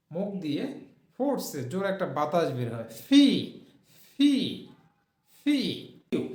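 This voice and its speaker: A man's voice: high voice, roomy sound. A man teaching letter sounds in a spoken lesson, repeating each sound several times for learners to copy. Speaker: English pronunciation teacher.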